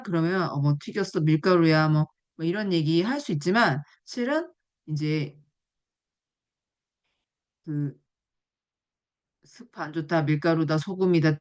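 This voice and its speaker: A woman giving a classroom nutrition lecture, explaining with examples and asking the audience questions. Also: sits low. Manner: animated, asks the class questions.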